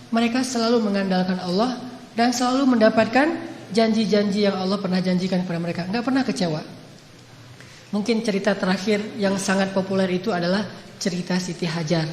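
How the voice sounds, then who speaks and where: Relaxed preacher in an echoey hall. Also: male voice, high voice, a little hiss or hum. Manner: relaxed, humorous, conversational. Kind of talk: casual storytelling sermon.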